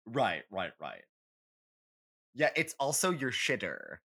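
A man co-hosts a podcast, chatting casually and comically about astrology in a sassy, opinionated manner with plenty of swearing. His mid-range voice swings hugely in pitch and moves slowly, bright and forceful, with vocal fry and a breathy edge.

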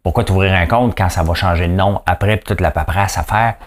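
A man's voice: sits low, a little fast. A man with a Québécois French accent hosting a podcast, giving opinionated news commentary full of rhetorical questions and acted-out quotes. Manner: rhetorical questions, folksy and emphatic; acts out quoted voices mid-rant. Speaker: podcast host.

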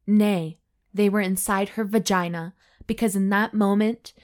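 A woman co-hosting a comedy podcast, reading a story aloud in a mock-serious, deadpan way between bits of banter. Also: medium pitch, unhurried.

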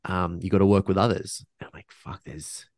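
A man's voice: deep voice, little pitch movement, fast talker, darkish tone, dry recording, clean studio sound. A man speaking as a podcast guest in casual conversation, reflective and earnest, restarting sentences often and sprinkling in slang.

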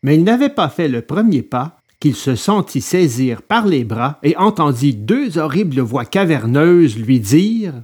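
Male narrator for a storybook, lively and dramatic, voice on the higher side. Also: unhurried, hardly any pauses, breathy edge.

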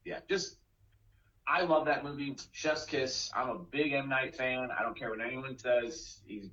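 Animated man in a roomy, dull recording. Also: mid-range voice, unhurried. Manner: animated, acts out movie lines, swears casually. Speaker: podcast co-host. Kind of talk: casual movie chat.

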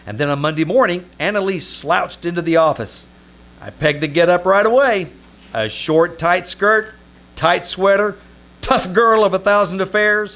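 On a small-town theater stage, a man performs old-time radio comedy with first-person narration, playing a wry, lovesick Hollywood press agent who is easily flustered. His fairly high voice is wry and excitable, stammering when he gets flustered. The live stage recording is noisy.

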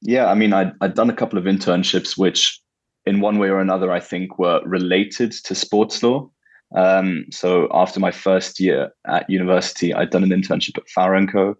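A man's voice: low-pitched, steady tone, moderate pace, no echo, dull audio. A young man from Italy and Germany answering interview questions casually, with many fillers. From born in Italy, raised in Germany. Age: young adult. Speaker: guest, legal counsel.

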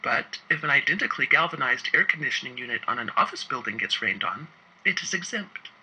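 A man telling a wry first-person story about his work as an inspector, moving between quick asides and slow, emphatic phrasing. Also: medium pitch, expressive, pushed and bright, husky, rough recording.

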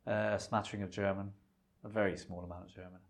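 A middle-aged man who first spoke Punjabi takes part in a casual interview, musing at length with many restarts and filler words. His voice is low and gravelly, moving little in pitch, and he talks quickly.

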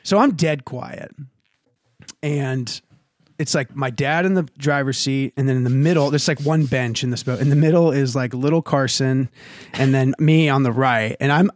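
A young man telling a funny family story in a casual chat, animated, laughing often, with many fillers. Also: mid-range voice, no room sound, clean studio sound. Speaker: podcast guest telling a story.

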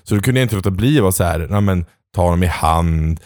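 A man's voice: deep voice, darkish tone, no echo, studio quality. A man co-hosting a casual podcast chat, giggling often and mimicking voices in playful asides. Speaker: podcast co-host.

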